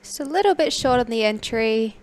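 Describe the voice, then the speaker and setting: A woman's voice: on the high side, lively intonation, brisk, darkish tone. A woman giving live commentary as a sports commentator at a diving competition. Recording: background pool hall noise.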